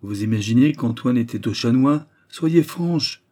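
Gruff impatient old professor, read by a man. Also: medium pitch, a little fast, mellow, voice pushed up, lightly acted. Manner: gruff, curt.

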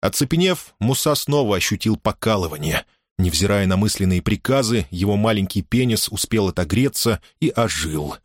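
A man reading a novel aloud as an audiobook narrator, in a steady, measured storytelling manner. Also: lowish voice, no room sound, clean studio sound.

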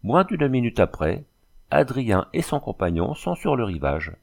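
A man narrating a classic novel aloud in a dramatic, measured storytelling manner. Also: mid-range voice, very animated, creaky. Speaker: audiobook narrator. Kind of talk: expressive literary narration.

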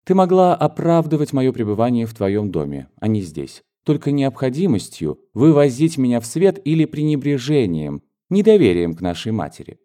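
A man lifts his voice well above his own to play a spirited young woman from a classic novel, earnest and reproachful. Her talk runs hot and pleading, and her pitch climbs and swings widely. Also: big pitch swings, normal speed, hardly any pauses, mellow, lightly acted.

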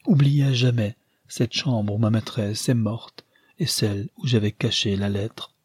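A man's voice: fairly low pitch, fairly even intonation, unhurried, slightly rough, no echo, studio quality. A man voicing a frail, feverish dying mother who pleads anxiously in an audiobook. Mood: tender.

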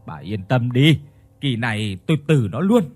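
A man's voice: mid-range voice, big pitch swings, normal speed, a little mellow. A man voicing an angry, hot-tempered village father in a ghost story. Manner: angry, gruff.

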